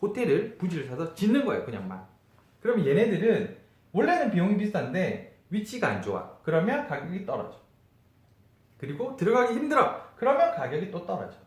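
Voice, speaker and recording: A man speaks in a nasal, rather high voice with very animated intonation. He explains informally to viewers, asking rhetorical questions as he teaches. The room around him is noticeably echoey. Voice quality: nasal, stuffed-nose voice. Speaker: travel YouTuber and travel agent explaining tours.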